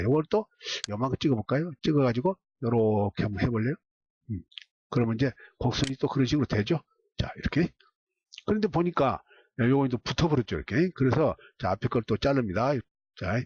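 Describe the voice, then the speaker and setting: Man patiently walking through software steps. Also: mid-range voice, breathy edge. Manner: step-by-step, repeats "자" and "이렇게". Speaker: software instructor. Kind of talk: screen-recorded software tutorial.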